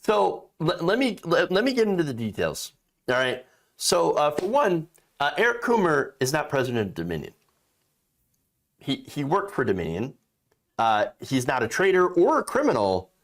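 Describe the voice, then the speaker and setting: An indignant man delivers political commentary in a fairly high voice for a male. His pitch swings in a lively way as he leans hard on key words, often repeating them. He sounds like a host arguing his opinion directly to listeners. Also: moderate pace. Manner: emphatic, indignant.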